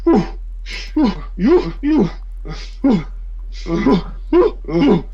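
Gravelly barking drill sergeant. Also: male voice, extremely high pitch, very animated, drawn-out words, muffled recording, full character voice. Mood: gleeful, commanding. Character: bossy, pompous male army sergeant drilling a recruit. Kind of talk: comic radio sketch.

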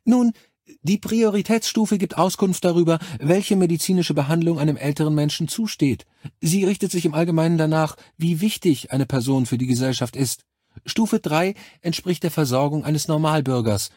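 Brief: male narrator playing a high, fake-friendly young nurse, husky edge, dry close sound. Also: normal speed, dark tone, no room sound. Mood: gushing. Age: 20s. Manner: falsely cheerful, mocking. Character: brisk young female hospital nurse, cold.

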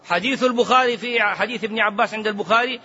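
A man giving religious rulings in a lively lecture, swinging between raised and hushed tones and chanting recitations. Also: high-pitched, racing, husky. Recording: dull lo-fi recording with faint noise.

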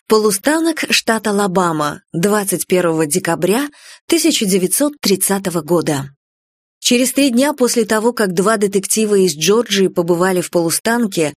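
An audiobook narrator reads a novel in scripted narration, her voice at medium pitch. The sound is dry and close, with no room sound.

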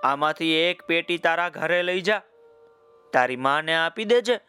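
A man voicing a kind, magical golden crow in a children's story, speaking gently and coaxingly. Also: fairly high pitch, animated, measured pace, clear, resonant tone, faint music behind. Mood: gentle coaxing.

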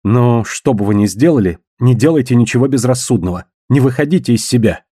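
A man's voice: mid-range voice, lively intonation, brisk, dark tone, slightly rough, dry recording, studio quality. A man reading the lines of a tense, desperate woman in an audiobook, urgent and pleading.

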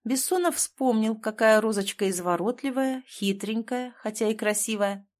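A woman narrating a novel in a steady storytelling manner. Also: on the high side, moderate pace. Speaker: audiobook narrator. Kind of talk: scripted narration.

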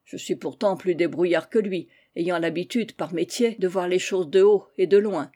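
A woman's voice: on the low side, moderate pace, mellow, natural voice. A woman reading as a boastful grumbling roofer. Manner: self-important, complaining.

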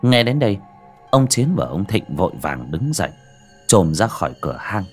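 A man narrating an audiobook horror story in a dramatic, expressive way. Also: low voice, normal speed, soft background music.

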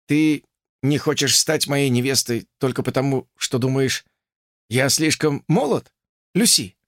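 A man's voice: medium pitch, a little slow, a bit bright, dry recording, studio quality, close to an everyday voice. A man voicing an agitated, lovesick young man who talks insistently and stammers. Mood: pleading.

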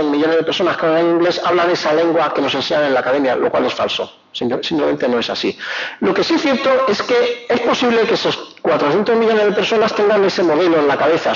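A man's voice: a little high, creaky. A male professor giving an academic lecture, explaining step by step with rhetorical questions and self-corrections. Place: lecture hall. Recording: dull lo-fi recording.

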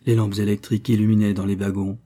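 A man narrating a classic novel as an audiobook in a measured, steady manner. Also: fairly low pitch. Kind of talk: scripted narration.

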